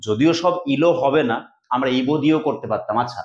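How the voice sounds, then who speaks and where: A man's voice: medium pitch, quick pace, darkish tone. A male Bengali grammar teacher explaining rules step by step, repeating key points in a classroom lesson. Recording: echoey room sound.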